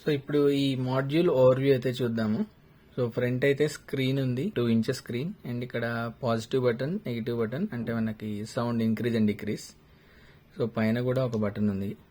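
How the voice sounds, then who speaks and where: A man with a mellow, medium-pitched voice speaks at a normal speed with fairly even intonation. He's a motovlogger casually walking through a product unboxing and installation step by step, explaining as he goes and mixing in English terms. It's recorded on a lavalier mic that picks up clear noise and ambience.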